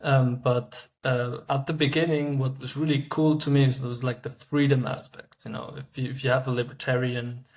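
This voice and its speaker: A man in his thirties, a company founder answering interview questions in a casual, halting way with many fillers and restarts. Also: mid-range voice, little pitch movement, darkish tone. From Switzerland. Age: 30s. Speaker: startup founder guest.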